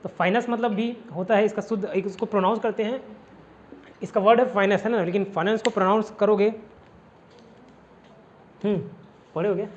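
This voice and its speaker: A man's voice: high voice, fairly even intonation, fairly quick, pauses often, highs cut off. A man from India teaching a casual vocabulary lesson in a classroom, explaining each word with repeated rhetorical questions.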